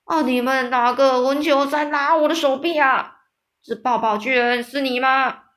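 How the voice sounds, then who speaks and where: A woman voicing a brutish, man-eating male giant in a children's storybook reading, shouting and gloating. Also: fairly high pitch, big pitch swings, moderate pace. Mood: grumpy.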